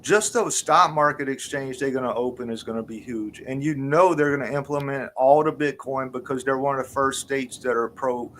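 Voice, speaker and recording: A man's voice: mid-range voice, normal speed, hardly any pauses, fairly bright tone. An emphatic man chatting on a stream, repeating his points with conviction. A faint hum of background noise sits under his voice. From Louisiana. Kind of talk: casual chat.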